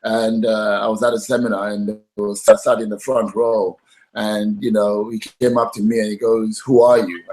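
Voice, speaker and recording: A man's voice: fairly low pitch, moderate pace, low-quality recording. A middle-aged man, a guest in an interview, telling his story with energy and often acting out what others said. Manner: animated, acts out quoted dialogue.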